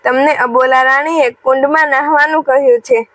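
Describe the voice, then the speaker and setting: A woman's voice: high-pitched, fairly even intonation, normal speed, fairly bright tone, dry recording, low-quality recording. A woman voicing a group of wary village women in a folk tale, cautioning and matter-of-fact.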